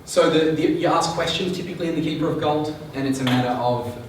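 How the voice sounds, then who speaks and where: A man's voice: a little high, quick pace, a little hiss or hum. A male sales trainer teaching a live seminar, chatty and often checking that the audience is following. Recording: echoey room, mic far off.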